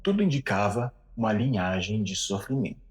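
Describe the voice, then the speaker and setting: A man narrates a horror tale in a slightly low voice. His delivery is measured and dramatic, like a scripted audiobook reading. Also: big pitch swings.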